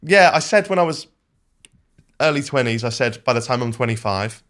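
A man's voice: medium pitch, lively intonation, normal speed, fairly bright tone. A man, talking casually on a podcast, self-deprecating and often restarting his sentences. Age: 20s.

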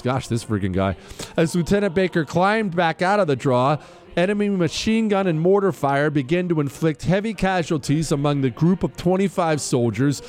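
A man's voice: fairly high pitch, a little mellow. A middle-aged man hosting a radio talk show, moving between casual, wry asides and reading aloud.

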